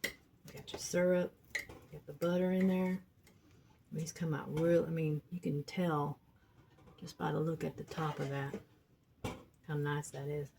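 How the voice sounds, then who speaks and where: A woman with a low, creaky voice chats in a homey way while cooking in her kitchen, demonstrating how it's done. Her tone stays level and unhurried with long pauses, and pans and dishes clatter noisily around her.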